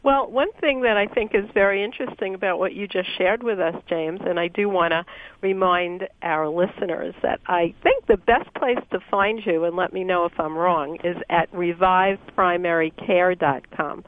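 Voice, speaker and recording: A woman's voice: fairly low pitch, moderate pace. Woman radio host on a tinny line. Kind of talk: radio interview hosting. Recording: tinny phone-like radio sound.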